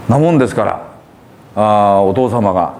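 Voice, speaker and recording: Animated preacher with Hiroshima dialect. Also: male voice, fairly low pitch, moderate pace, slight background noise. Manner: animated storytelling, acting out characters' lines. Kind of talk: sermon retelling a parable.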